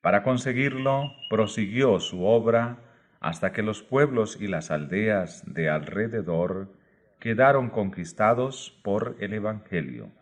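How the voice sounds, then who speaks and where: Male audiobook reader, lowish voice, very unhurried, measured phrasing. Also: lively intonation. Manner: slow, measured reading in short phrases. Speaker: audiobook narrator. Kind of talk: scripted narration of a religious book.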